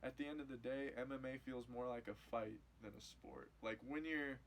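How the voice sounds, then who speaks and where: A man's voice: mid-range voice, normal speed, low-quality recording. Casual man talking fighting, faint room noise. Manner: casual, repeats himself, rising with excitement. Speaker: MMA fighter. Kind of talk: interview answers.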